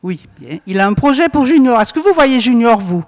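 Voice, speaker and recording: A woman's voice: a little high, big pitch swings, fairly quick. Woman leading Bible study in echoey hall. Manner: asks the group questions, frequent tag "hein?" and "hmm?". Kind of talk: interactive Bible teaching. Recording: long reverb in a hall.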